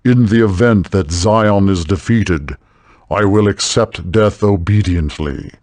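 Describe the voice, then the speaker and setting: A man voices a solemn, formal, knowing otherworldly guide in a video game, delivering lines in a husky, measured, grave way. His voice is deep and a little mellow, with no room sound.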